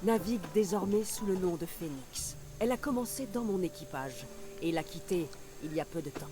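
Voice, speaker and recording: A woman voicing a proud, worldly female pirate captain in a game dub, measured and slightly teasing. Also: lowish voice, animated, natural voice. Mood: earnest. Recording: over loud game music.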